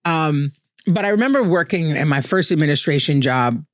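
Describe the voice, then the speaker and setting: A man's voice: a little high, lively intonation, moderate pace, no echo. A man hosting a solo podcast, talking in an earnest, conversational way and often checking in with "right?". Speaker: podcast host. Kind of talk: reflective solo monologue.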